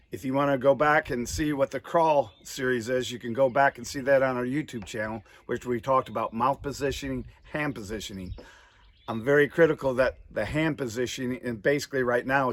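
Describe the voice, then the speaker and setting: A man hosts a practical how-to lesson in a mid-pitched voice. He explains technique step by step, repeating key points with emphasis like a coach. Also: fairly bright tone. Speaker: duck-calling instructor and host. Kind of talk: instructional demonstration, step-by-step explanation.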